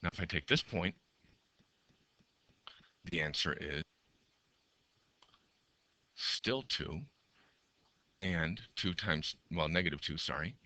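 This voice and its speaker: Low bright-voiced male math teacher. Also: takes it slowly, long pauses, no room sound. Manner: talks through each step while drawing, counts aloud. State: losing his voice. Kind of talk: recorded math lesson, sketching graphs.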